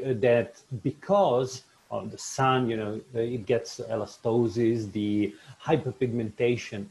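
Serbian accented guy in his 40s doing a webinar on a webcam from a home office, slow and halting, lots of uhs. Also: mid-range voice, a little mellow. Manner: unhurried, with many filler sounds and restarts. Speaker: doctor giving a webinar lecture. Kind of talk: online lecture to colleagues. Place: small home office with shelves. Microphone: video call, webcam.

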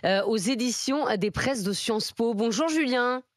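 A woman hosting a radio talk show, brisk and quick to acknowledge her guests. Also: on the high side, expressive, no room sound, clean studio sound. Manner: brisk, affirming, many short acknowledgements. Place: radio studio. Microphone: studio microphone.

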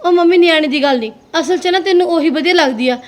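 An actress playing a resentful young daughter-in-law who argues and complains. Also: female voice, extremely high pitch, fast talker. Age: young adult. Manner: complaining, argumentative.

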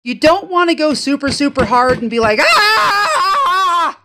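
A woman's voice: extremely high pitch, a little slow, raised voice, a little hiss or hum. A middle-aged woman from the American Midwest, a retired professional chef chatting through a home cooking video into a phone held close in her kitchen. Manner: chatty, animated, instructive.

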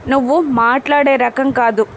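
A woman voicing an angry young man who scolds and shouts at the woman he left. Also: sits high, fairly even intonation, normal speed, slight background noise. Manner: harsh, scolding, shouted lines.

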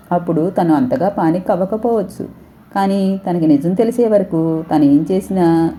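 A woman reading the lines of a female hospital doctor, measured and explanatory. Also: lowish voice, dark tone, natural voice.

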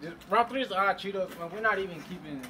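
A man's voice: high voice, quick pace. A young man hosting a challenge with friends in casual, slangy banter. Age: teenager or young adult. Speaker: host of a challenge game. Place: outdoor backyard table at night. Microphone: camera a few meters away. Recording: noisy outdoor phone camera recording.

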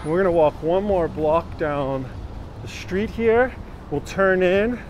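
Walking outdoors with a phone at arm's length, a tour guide in his thirties live-streams and greets viewers by name. He has a high, expressive voice and speaks slowly, with city street traffic behind him.

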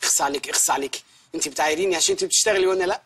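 Jobless Egyptian husband, quick teasing patter, fairly high voice. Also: male voice, fairly bright tone, slightly rough. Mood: indignant. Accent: Egyptian Arabic. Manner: rapid joking banter, mock-pleading. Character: jobless henpecked young husband, sly and teasing. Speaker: film character. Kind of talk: comic film acting.

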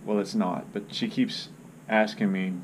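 A man's voice: on the low side, little pitch movement, measured pace, a little hiss or hum. A man in his thirties chatting casually to a handheld camera in a living room at home. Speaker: running vlogger. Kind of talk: casual vlog chat to camera. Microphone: action camera at arm's length.

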